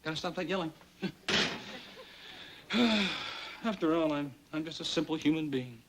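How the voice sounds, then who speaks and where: An actor playing a harried young newspaper reporter, exasperated and stammering, in a 1960s sitcom. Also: male voice, a little high, normal speed, close to an everyday voice. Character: harried young male reporter, put-upon nephew.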